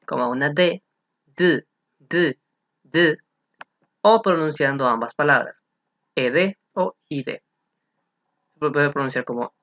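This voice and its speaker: Young Salvadoran man, English teacher, bright higher voice, dull lo-fi recording. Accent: Salvadoran Spanish. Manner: explains slowly, repeats English words for pronunciation. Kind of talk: recorded online lesson.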